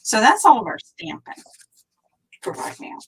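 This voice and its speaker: A woman with a fairly high, breathy-edged voice and huge pitch swings talks a little slowly on a low-quality recording. She hosts a live stamping tutorial, chatting and thinking aloud and sometimes falling to a near whisper as she works.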